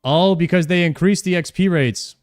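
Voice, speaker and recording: A man's voice: high voice, normal speed, smooth, no room sound, studio quality, faint music behind. A young man streaming a game, chatting casually and joking as he plays, often repeating himself mid-sentence. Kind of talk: casual live-stream commentary while playing.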